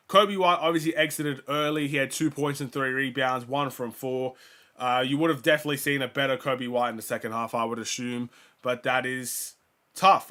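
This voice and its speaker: A sick young man hosts a fan watchalong stream, casually calling basketball plays and rattling off stats as his voice starts to fail. His voice leans high, and he gets louder when big plays happen.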